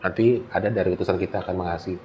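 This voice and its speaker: A man voicing a solemn male mountain caretaker who speaks in a hushed, formal, pleading way. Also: deep voice, steady tone, rapid-fire, lo-fi sound, pitched below the performer's own voice, natural voice.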